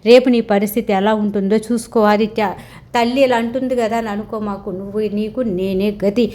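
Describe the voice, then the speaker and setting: A bitter, vengeful mother scolds in a raised, agitated voice, as a woman storyteller puts her on. She sounds wounded and fierce, the pitch pushed upward. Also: fairly even intonation, brisk, dark tone, close to an everyday voice. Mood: pleading, scolding. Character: angry grieving wealthy mother, bitter and vengeful.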